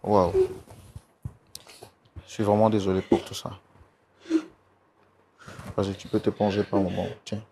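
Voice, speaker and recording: A man hosting an emotional talk show, pleading and apologizing again and again to calm a guest. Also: lowish voice, unhurried, pauses often. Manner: pleading, repeating apologies and calming words. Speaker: host. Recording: noisy recording.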